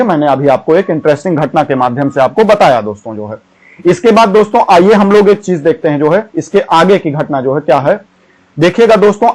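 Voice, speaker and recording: High-voiced man chanting a grammar lesson. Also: a little mellow, rough recording. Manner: slow, syllable-by-syllable chanting, repeats a filler phrase constantly. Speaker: teacher. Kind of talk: exam-prep grammar lesson.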